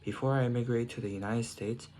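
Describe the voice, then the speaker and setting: A man's voice: mid-range voice, fairly even intonation, fast, a little mellow, a little hiss or hum. A teenage boy from South Korea reading a prepared essay aloud in short phrases, with small slips and restarts. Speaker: student.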